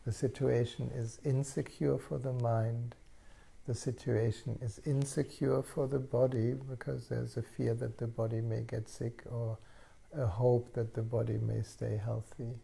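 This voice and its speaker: A man speaking as a spiritual teacher in an unscripted satsang, slow and serene like a guru, with long pauses and a soft, gravelly voice. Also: medium pitch, flat delivery. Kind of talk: unscripted satsang talk, answering questions. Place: online video call session.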